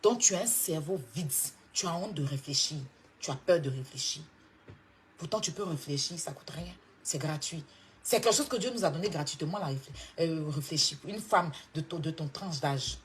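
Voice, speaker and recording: A woman's voice: sits low, moderate pace, a little hiss or hum. Ivorian woman, social media personality, heated scolding live rant, mocking and repetitive. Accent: Ivorian French. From Côte d'Ivoire.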